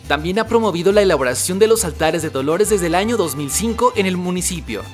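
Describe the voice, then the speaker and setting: A man reading a scripted biography in a formal, measured announcer manner. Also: a little high. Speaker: narrator. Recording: voice-over with clear music bed.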